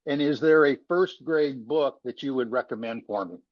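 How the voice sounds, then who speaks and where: Man, halting question, mid-pitched voice, dull lo-fi call audio. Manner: halting, full of fillers and restarts. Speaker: member asking a question.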